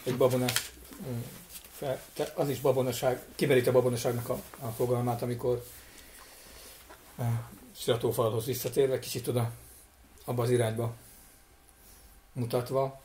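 A man at an ordinary pitch joins a casual discussion, speaking hesitantly and searching for words as he goes. A faint background hiss runs under his voice. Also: flat delivery, pauses often, darkish tone. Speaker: discussion participant.

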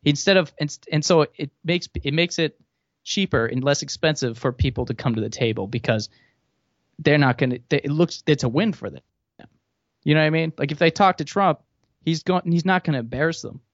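A podcast guest who grew up in Thailand speaks quickly in a fairly high, dull, dry-sounding voice, captured in a dry recording. He rambles through casual political chat, restarting often and using many fillers.

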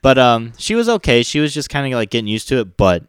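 A man's voice: medium pitch, big pitch swings, fast, smooth, no echo, studio quality. Rambling man chatting on a podcast. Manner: rambling, hesitant, lots of fillers. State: a little winded. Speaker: podcast co-host. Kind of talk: casual chat.

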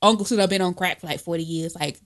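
A woman's voice: on the low side, fast. A woman co-hosting a podcast, chatting casually in a blunt, profane way and laughing often. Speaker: podcast co-host. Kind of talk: casual chat.

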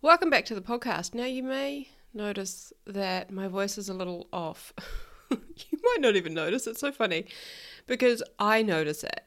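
A woman with a New Zealand accent, a life coach, hosts a casual solo podcast, speaking frankly and outspokenly and swearing freely. Her medium-pitched, slightly bright voice has lively intonation at a moderate pace, sounding a little nasal and stuffed up after a recent illness.

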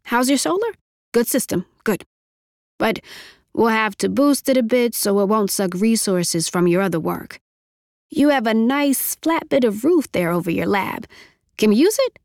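A woman's voice: fairly high pitch, expressive, moderate pace, a little mellow, no room sound, clean studio sound. A woman voicing a tall, thin, chatty young tech leader who keeps up an upbeat, jokey running patter. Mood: cheerful, chatty.

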